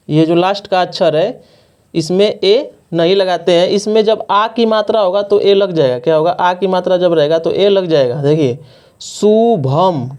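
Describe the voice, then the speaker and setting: A man's voice: high-pitched, a little mellow, clear, resonant tone. A male teacher giving a lesson to children, asking his own questions and answering them again and again. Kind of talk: classroom lesson explaining spelling.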